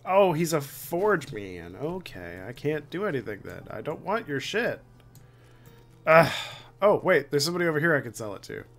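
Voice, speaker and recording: Higher-voiced young man gaming over music. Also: very animated, normal speed, vocal fry, a bit bright. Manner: sweary, joking, reacting aloud. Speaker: gamer commentating a playthrough. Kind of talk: casual game commentary. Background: game music.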